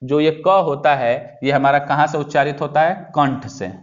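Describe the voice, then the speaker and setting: A man with a somewhat high voice teaches in a patient classroom style. He keeps asking a question and then answering it himself, over and over. The recording is muffled and lo-fi. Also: steady tone, moderate pace. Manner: repetitive, asks questions then answers them. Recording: dull lo-fi sound.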